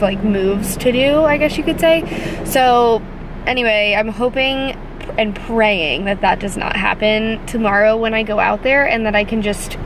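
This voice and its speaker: A woman's voice: on the high side, echoey room, slight background noise, low-quality recording. A young woman in her twenties talking casually to camera in a vlog, full of "like" and little asides. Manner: chatty, filler-heavy, with "like" and "I guess you could say". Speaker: vlogger. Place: car, then bedroom at home.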